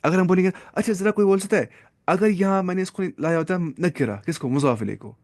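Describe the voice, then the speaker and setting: A man's voice: high-pitched, fast talker, darkish tone, no room sound, clean studio sound. A man teaching an Arabic grammar class, who repeats key terms and keeps quizzing his students.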